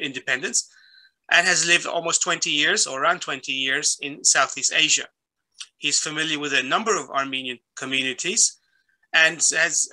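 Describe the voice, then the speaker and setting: A man in his fifties hosts and introduces a guest on a video call from a book-lined study, measured and slightly halting. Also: a little high, sharp tone, low-quality recording. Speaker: host, institute director. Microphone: webcam video call.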